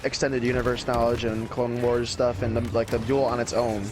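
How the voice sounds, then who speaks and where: A man's voice: medium pitch, flat delivery, brisk, noisy background. A man chatting casually as a panel guest, rambling with lots of fillers. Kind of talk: casual group chat.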